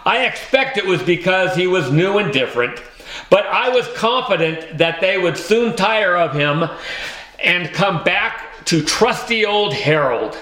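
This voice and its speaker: A man reads a children's audiobook in the first person, taking his time. His voice is fairly high and bright, and his manner is wry. The recording has a roomy echo around it. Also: animated, unhurried. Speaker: audiobook narrator.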